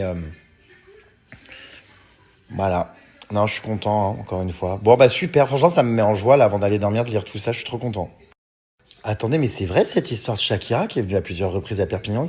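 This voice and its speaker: A man's voice: lowish voice, darkish tone, husky. A man in his thirties vlogging casually to his followers, chatty and full of fillers, reading out and answering fan messages. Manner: chatty, many fillers like hein and euh; often laughs while talking. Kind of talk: casual story chat to followers.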